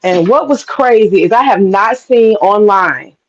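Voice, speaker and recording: A woman's voice: mid-range voice, a little slow. A woman guest on a live-stream panel, chatting casually and emphatically over a video call. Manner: emphatic, animated storytelling. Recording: dull lo-fi call audio.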